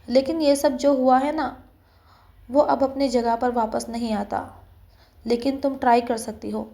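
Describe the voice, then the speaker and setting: A woman with a slightly high, creaky, mellow voice and fairly even intonation plays a persistent young man who is lovestruck. In a teasing mood, he playfully coaxes and pleads.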